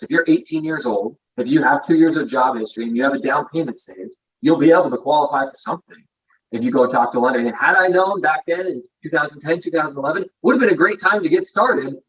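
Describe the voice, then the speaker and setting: This thirties-aged man is a guest investor in a casual interview, laying things out confidently and packing his explanations with figures. His mid-range voice has a fairly bright tone, captured on dull lo-fi audio.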